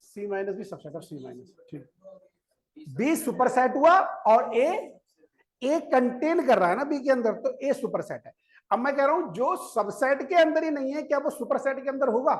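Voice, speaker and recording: A man's voice: very high voice, lively intonation, normal speed. A male maths teacher giving a classroom lecture, coaxing his students, quizzing them and repeating each step. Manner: keeps quizzing students and repeating key steps; coaxing, urges students to listen before writing.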